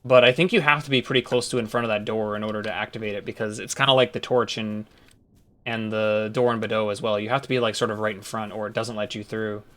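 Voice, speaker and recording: A young man with a bright, crisp voice talks casually through a video game run, half to himself. His commentary jumps from low muttering to loud yells. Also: steady tone, fast talker. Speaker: speedrunner. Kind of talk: live gameplay commentary.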